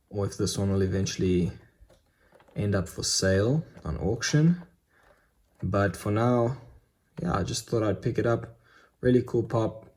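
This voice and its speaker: A young man who vlogs about his Funko Pop collection shows off collectibles in a casual unboxing video. His voice is fairly low and mellow, and he's chatty and enthusiastic with frequent ums.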